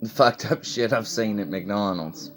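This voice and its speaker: A man's voice: on the low side, a little slow, crowd noise. A man in his late twenties telling a personal story in a rambling, profane, casual way, full of fillers, while sitting at home. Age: late 20s. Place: sitting at home with coffee and a cigarette.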